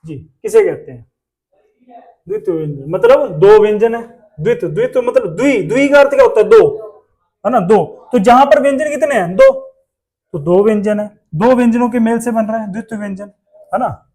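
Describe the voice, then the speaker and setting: A man's voice: sits high, expressive, normal speed, a little mellow. A man teaching a class, asking questions and repeating the answers himself. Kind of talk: classroom lesson.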